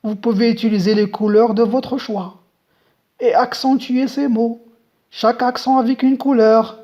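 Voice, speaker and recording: Woman, French grammar teacher, slow and deliberate, slightly high voice, spells out letters. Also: fairly even intonation, warm tone, muffled recording. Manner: patient, addresses viewers directly.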